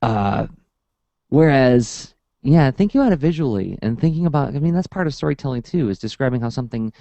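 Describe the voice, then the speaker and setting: A man's voice: mid-range voice, brisk, gravelly, no echo, muffled recording. A man who teaches comics workshops, talking casually and at length, telling stories and acting out the people in them. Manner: animated and verbose, acts out quotes. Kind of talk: casual conversation, storytelling.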